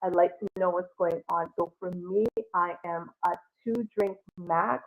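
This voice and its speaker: A woman's voice: fairly low pitch, steady tone, a little slow. Chatty woman co-host on a lo-fi stream. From Jamaica, raised in Canada. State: a bit under the weather. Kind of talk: casual livestream chat. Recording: dull lo-fi stream audio.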